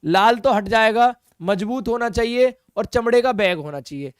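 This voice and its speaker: A man teaching reasoning in an exam-prep video lesson, brisk and coaxing, repeating key phrases. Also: sits high, smooth, no echo, clean studio sound.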